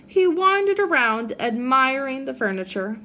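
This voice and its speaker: A woman's voice: high voice, big pitch swings, bright, forceful tone, slight background noise. A woman teacher reading a picture book aloud expressively to children, with asides to young listeners. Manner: pauses to ask young listeners questions.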